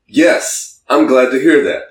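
A podcast host casually reads text messages aloud for laughs, stumbling a bit through the broken English with obvious amusement. His medium-pitched voice is expressive and slow, and the recording sounds distant from the mic with a roomy echo.

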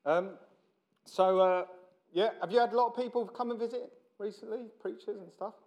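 A middle-aged man from South London, with a matching accent, gives an informal sermon to a church meeting as a visiting speaker. His voice is high and a little mellow, moving at a moderate pace, and his style is chatty, joking, blokey and self-deprecating.

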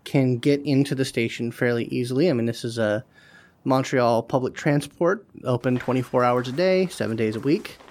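A man's voice: medium pitch, normal speed, darkish tone. A man running a tabletop role-playing game as game master, narrating the scene in a loose, casual way.

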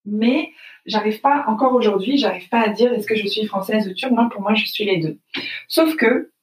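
A woman's voice: medium pitch, moderate pace. A woman from France, speaking as an interview guest, reflective and full of hesitant fillers. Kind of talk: casual conversational interview. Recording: echoey room, distant from mic.

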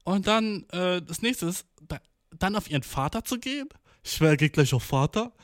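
A man's voice: high-pitched, animated, normal speed, no echo, studio quality. A young man casually reacting to a read-out story, blunt and slangy, sprinkling in English words. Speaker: commentator.

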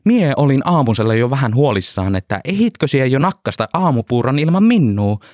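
Guy doing a high excited chatty man w eastern finnish dialect, dry close sound. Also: no echo, close to an everyday voice.

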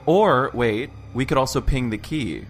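A man's voice: mid-range voice, expressive, a little slow. A man chatting casually as a player in a tabletop role-playing game. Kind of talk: casual chat.

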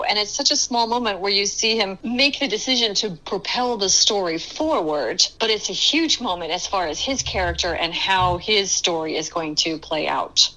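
A middle-aged woman with a bright, clear tone hosts a casual fan podcast. She talks with enthusiasm, reflects out loud and keeps the conversation moving with questions. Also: medium pitch, poor audio. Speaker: podcast co-host.

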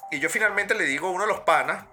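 A man's voice: high-pitched, racing, pushed and bright, faint music behind. A young man with a Venezuelan accent telling a story in casual, slangy, laughing chat.

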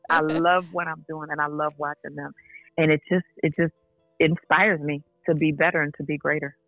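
A woman's voice: low voice, a bit bright, no room sound. A woman singer speaking as an interview guest, earnest and enthusiastic. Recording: tinny phone line.

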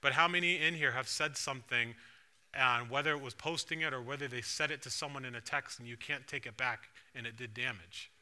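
Bright-voiced man preaching a sermon. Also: mid-range voice, fairly quick. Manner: conversational, asks the congregation questions. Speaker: pastor. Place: church sanctuary.

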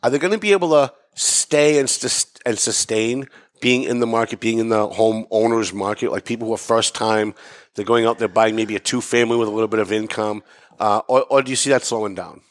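A man's voice: fairly low pitch, a little fast. A man in his fifties hosting a casual interview, asking long rambling questions and joking about himself. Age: 50s. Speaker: host.

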